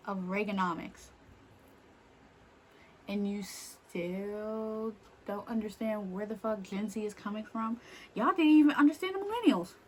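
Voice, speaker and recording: A woman's voice: on the high side, fairly bright tone. A young adult woman vlogger speaking straight to camera, blunt and exasperated, swearing freely as she rants. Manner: blunt, profane, exasperated ranting. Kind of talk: casual rant to camera.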